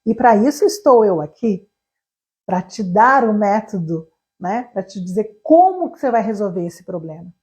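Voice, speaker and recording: A Brazilian woman teaching English online, fast, animated and emphatic, speaking straight to her viewers. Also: mid-range voice. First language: Portuguese.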